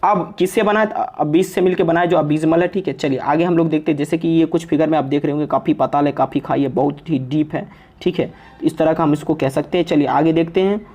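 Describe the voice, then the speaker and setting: A man's voice: fairly high pitch, steady tone, brisk, a little mellow. Chatty man teaching English vocabulary. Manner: chatty, repeats "okay" constantly, jokes and teases. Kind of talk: casual online lesson.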